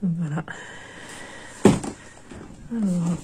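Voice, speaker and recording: On a very noisy recording, a young woman with a cold sounds nasal and congested as she hesitantly narrates a doll unboxing, with frequent fillers and restarts. Her voice is on the low side, and she draws out her words.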